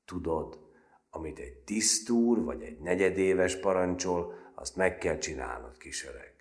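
A coaxing teenage boy cadet, as a man reading a novel puts him on, talking down kindly and patiently to a newcomer. The voice sits very deep yet swings with lively, friendly inflection as it explains.

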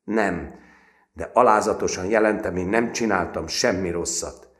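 A man voicing a frightened but stubborn teenage boy cadet who speaks in a halting, pleading way. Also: low voice, pitched above the performer's own voice, close to an everyday voice.

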